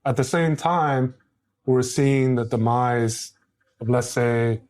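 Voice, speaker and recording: A man's voice: medium pitch, takes it slowly, a little mellow. A man co-hosting a casual roundtable discussion, emphatic and stressing key words between hesitations. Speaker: podcast co-host.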